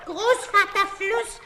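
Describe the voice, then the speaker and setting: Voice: very high-pitched, noisy background, heavily acted. A performer voicing a cheeky, childlike little goblin in a children's audio play. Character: kleiner frecher Kobold, kindlich. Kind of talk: Hörspiel für Kinder.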